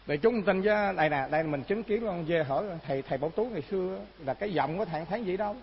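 A Buddhist monk delivers an animated sermon full of rhetorical questions. His voice is high and husky. The recording is muffled and lo-fi, with the long reverb of a large hall. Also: very fast. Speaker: Buddhist monk giving a dharma talk. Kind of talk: sermon with folk anecdote.

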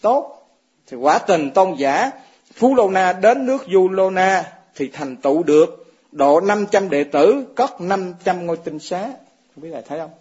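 A man's voice: sits high, animated, unhurried, darkish tone, breathy edge. A man giving a dharma talk to fellow monks, asking his listeners questions and chuckling often. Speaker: Buddhist monk teaching fellow monks. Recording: dull lo-fi recording.

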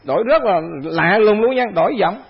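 A Buddhist monk teaches an assembly in a high, gravelly voice, posing rhetorical questions and answering them himself. The sound is husky and comes through a dull, lo-fi recording. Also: male voice, lively intonation, moderate pace. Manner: conversational, rhetorical questions, repeats phrases. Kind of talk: dharma talk to monastic assembly.

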